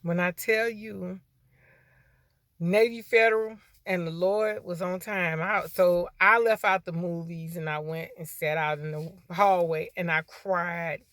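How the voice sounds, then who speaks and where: A woman's voice: lowish voice, fairly even intonation, measured pace, fairly bright tone, no room sound, studio quality. A woman in her fifties giving an emotional, heartfelt testimony of thanks, stressing her points with repeated phrases. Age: 50s. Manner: emotional, repeats "when I tell you" for emphasis. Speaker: grateful customer giving a testimonial.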